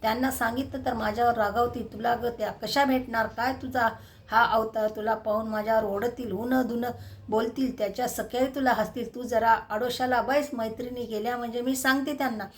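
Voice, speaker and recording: A woman's voice: a little high, steady tone, brisk, lightly acted. A woman reading aloud and voicing a nervous young palace maid who asks fussy questions. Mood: fussy questioning.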